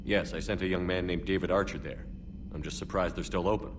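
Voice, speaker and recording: A man's voice: deep voice, steady tone, fast talker, close to an everyday voice. An actor playing a decisive male starship commander in a video game, firm and plainspoken. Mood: steady, direct. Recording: clearly noisy game ambience.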